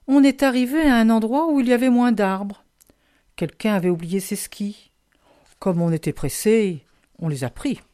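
Warm-voiced woman reading a story. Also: mid-range voice. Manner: gentle, expressive storybook reading with lively emphasis. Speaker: storyteller reading a children's picture book. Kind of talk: read-aloud children's story narration.

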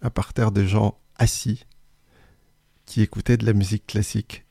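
A man's voice: fairly low pitch, flat delivery, moderate pace, creaky, breathy edge, no echo, studio quality. A man talking casually and enthusiastically about music on the radio. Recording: loud music behind.

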